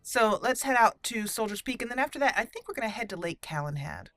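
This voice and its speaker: Over game music, a gaming video host riffs through playful roleplay commentary, thinking out loud in a casual, chatty way. She talks fast in a fairly high, animated, slightly bright voice.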